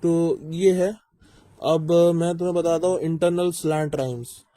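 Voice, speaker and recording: A man's voice: on the high side, fairly even intonation, unhurried, mellow, dry recording. A man hosting a reaction video who breaks down rap lyrics in a casual, teacherly way. He thinks aloud with frequent fillers and restarts, drops English terms into his talk, and often checks that listeners follow. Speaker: music reaction video host.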